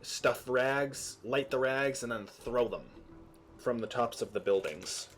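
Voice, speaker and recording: A man's voice: medium pitch, slow. Rambling man streaming a strategy game. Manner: rambling, trivia-filled explanations with frequent restarts. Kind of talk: casual gameplay chat.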